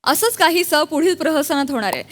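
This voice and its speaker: A woman's voice: sits high, lively intonation, a little fast. A woman announcing a comedy sketch on stage in a theatrical, rhyming way. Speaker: show announcer. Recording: live stage with crowd noise.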